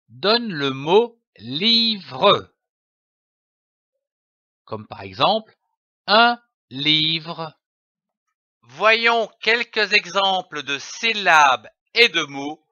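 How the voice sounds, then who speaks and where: Slow, bright man spelling syllables. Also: on the high side, dry recording. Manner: spells letters out and sounds syllables slowly, repeating each. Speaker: reading teacher. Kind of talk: slow syllable-by-syllable reading lesson. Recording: dull, dry lo-fi recording.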